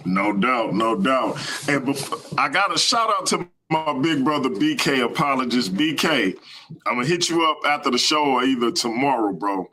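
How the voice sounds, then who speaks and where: A man hosting a live stream, talking casually in slangy, energetic bursts. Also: mid-range voice, moderate pace, slight background noise, poor audio.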